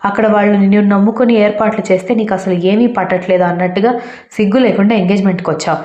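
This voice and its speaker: A woman's voice: medium pitch, steady tone, racing, dark tone, natural voice. Sarcastic bossy inner conscience lady, woman doing it, storybook, echoey room. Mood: mocking. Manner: mocking, scolding. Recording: roomy, slightly dull recording.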